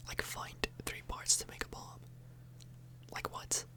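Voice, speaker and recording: An ASMR video host whispers breathily and without voice, her mouth close to the mic. She rambles informally, a little hesitant, at a slow pace.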